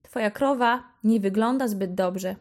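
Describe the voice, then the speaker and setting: A mysterious old wizard from a fairy tale, voiced by a woman storyteller. He speaks coaxingly, with a sly, persuasive lift. Over 60 in spirit, gentle but scheming. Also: medium pitch, unhurried, natural voice.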